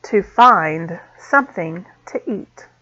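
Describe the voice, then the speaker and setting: A woman teacher reading a storybook aloud to small children, expressive and slow. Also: lowish voice, slight background noise. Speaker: preschool teacher. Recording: dull lo-fi sound.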